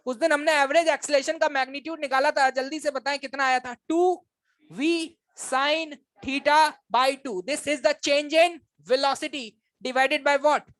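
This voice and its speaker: A man's voice: very high-pitched, steady tone, slow pace, a bit bright, no echo. A male physics teacher giving a classroom lecture, quizzing and teasing his students and calling them brothers.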